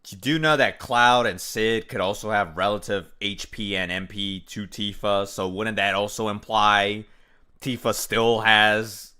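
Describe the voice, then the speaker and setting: A man's voice: lowish voice, steady tone, a little slow, pushed and bright, clean tone. A man streaming live, reacting to a video with rambling, hedging, exasperated commentary.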